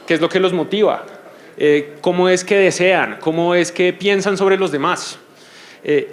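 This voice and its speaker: Guy moderating a panel in an auditorium, slightly high voice, lots of ums, asks the crowd questions. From Colombia. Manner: hesitant, many fillers, asks the audience questions. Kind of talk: panel talk to an audience.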